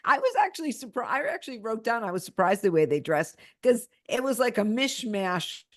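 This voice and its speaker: A chatty podcast co-host from the Boston area talks casually, laughing often and restarting sentences midway. Her voice is a little high, very animated and brisk, caught on a dry close mic with no room sound.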